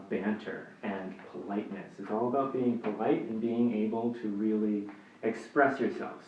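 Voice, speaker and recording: A man's voice: mid-range voice, darkish tone, slight background noise. A young man giving a class presentation, hesitant, with many fillers and restarts, recorded from across the room. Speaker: student presenter. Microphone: far room recording. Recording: echoey, distant, dull classroom recording.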